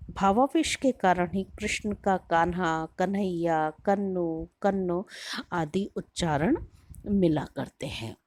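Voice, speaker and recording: A woman giving a university lecture in a slow, measured, explanatory way, drawing out her example words. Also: mid-range voice, mellow, dry recording. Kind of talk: recorded lecture.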